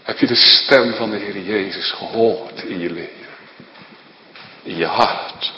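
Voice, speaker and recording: A man's voice: unhurried, muffled recording, a little hiss or hum. Man preaching in an echoey church. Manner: impassioned preaching, swinging between loud rising declarations and low hushed questions. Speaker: pastor. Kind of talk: sermon. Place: church hall. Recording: echoey church hall, long reverb.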